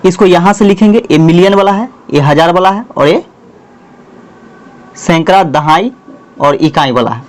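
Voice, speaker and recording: A male math teacher with a Bihari Hindi accent, slowly dictating numbers word by word while explaining a lesson at the board. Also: sits high.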